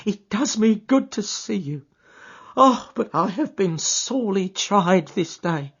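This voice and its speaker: A man's voice: expressive, takes it slowly, fairly bright tone, husky, lo-fi sound, exaggerated voice. A man doing an anxious old housekeeper woman. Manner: high, tearful and fretful.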